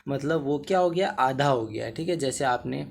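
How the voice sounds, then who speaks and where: A man of medium pitch and normal speed, with noticeable vocal fry, gives a Hindi grammar lesson for exam prep. He keeps checking "theek hai na," refers to students as bhaiya, and stretches vowels out to illustrate length.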